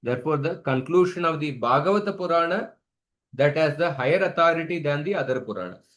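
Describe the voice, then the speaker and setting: A man teaching a scripture class, chanting Sanskrit verses slowly for students to repeat and patiently explaining pronunciation. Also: on the high side, animated, a bit bright. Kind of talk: online scripture class with call-and-response chanting.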